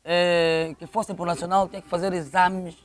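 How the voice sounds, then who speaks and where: Brisk and high-pitched with a flat delivery, this middle-aged man speaks with an Angolan accent. He is a local football official appearing as an interview guest, telling stories conversationally and repeating phrases for emphasis.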